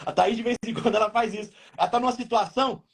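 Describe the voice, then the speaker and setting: A man's voice: extremely high pitch, fairly even intonation, quick pace, creaky, slightly rough. A Brazilian man hosting a live stream from his home, giving blunt, slangy marriage advice to men. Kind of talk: casual advice talk on marriage.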